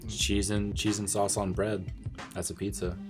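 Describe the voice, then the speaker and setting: Laid-back young man, slightly low voice. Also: level tone, moderate pace, faint music behind. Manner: laid-back, agreeable, slangy with "bro" and "dude". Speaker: podcast co-host. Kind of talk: casual chat.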